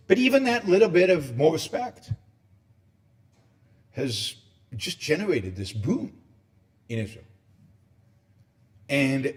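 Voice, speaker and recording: A man speaking in an even, middle-range voice, hosting a show and lecturing with emphasis. His voice bounces around a hotel room with very high ceilings, giving it a spooky cave-like echo. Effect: hollow cave-like echo. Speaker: show host. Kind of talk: livestream talk on philosophy.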